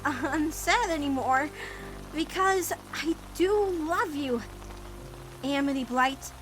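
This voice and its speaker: Woman as Luz, an earnest high-voiced teenage girl. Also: noisy background. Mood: earnest, confessing. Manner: halting, nervous, heartfelt. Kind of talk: animated-series comic dub acting.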